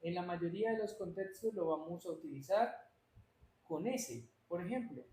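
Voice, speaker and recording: A man's voice: high voice, expressive, moderate pace, dark tone. A man teaching an English class live online, answering students by name and switching between Spanish and English. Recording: roomy echo, faint noise.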